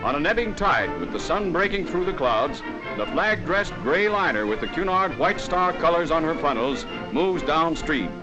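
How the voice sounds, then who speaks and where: A man reading scripted narration for an old newsreel in a brisk, formal announcing manner. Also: a little high, big pitch swings. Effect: old newsreel sound. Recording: dull lo-fi 1940s newsreel soundtrack with music.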